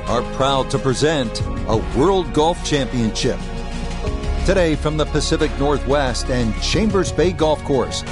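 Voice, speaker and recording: A man's voice: mid-range voice, animated, unhurried, over music, lightly acted. A man giving golf commentary as the play-by-play anchor of a televised-style game broadcast, with a polished announcer delivery.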